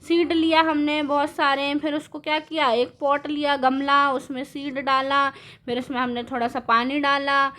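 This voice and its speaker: Woman teacher, high and bright, quizzing her class in a lesson. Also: little pitch movement, normal speed. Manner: asks the class questions and answers them herself; mixes English terms into Hindi. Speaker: science teacher. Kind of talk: classroom lesson explaining with drawings.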